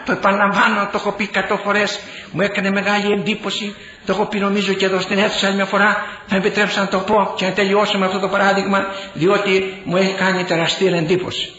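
A man's voice: high-pitched, sharp tone. An older man, a bishop, giving a fiery sermon-style speech, exclaiming and repeating his phrases. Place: large hall. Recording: dull echoey hall recording.

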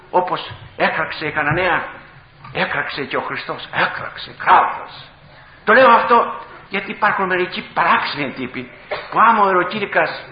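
A man preaching a dramatic sermon as a bishop, rising to loud exclamations and dropping to hushed tones, recorded in a church. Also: on the high side, roomy sound, lo-fi sound, a little hiss or hum.

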